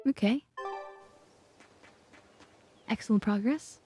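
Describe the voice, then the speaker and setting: A woman's voice: fairly high pitch, slow pace, mellow, soft background music. A woman game streamer chatting casually while she plays.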